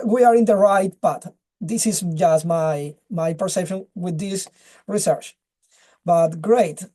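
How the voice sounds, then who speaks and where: Casting note: a man with a mellow voice, halting and restarting on a video call. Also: sits high. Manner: halting, searches for words, many restarts. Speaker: webinar speaker. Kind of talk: casual presentation and chat.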